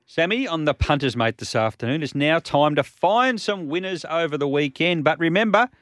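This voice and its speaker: A man's voice: a little high, animated, normal speed, fairly bright tone, no room sound, studio quality. Confident Australian man tipping horses. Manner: confident, assured tipster delivery. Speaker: host of horse racing tipping show. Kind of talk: racing tips and chat.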